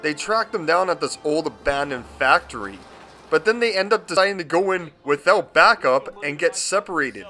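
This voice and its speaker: A man with a high, bright voice delivers a comedic movie review. His pitch swings widely as he gushes, and he swears freely throughout. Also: normal speed, faint music behind. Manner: profane, excitable and gushing.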